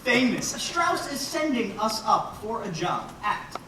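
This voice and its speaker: A man acting in a stage musical as a lively, teasing young man who takes charge of the group and uses Yiddish sayings. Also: sits high, unhurried, full character voice. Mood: puzzled. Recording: distant echoey stage recording with crowd noise.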